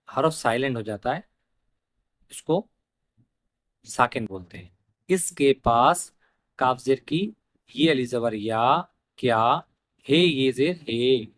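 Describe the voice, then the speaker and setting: A man teaching an Urdu primer lesson, spelling out letters and vowel marks one by one, then explaining the rules in quicker asides. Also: mid-range voice, no room sound.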